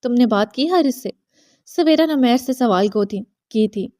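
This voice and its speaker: A woman reads a romance novel aloud, voicing every character's dialogue herself with only light changes. Her voice sits a little high and sounds mellow and warm. It is recorded close and dry, with no room sound. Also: animated, no echo. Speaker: audiobook narrator.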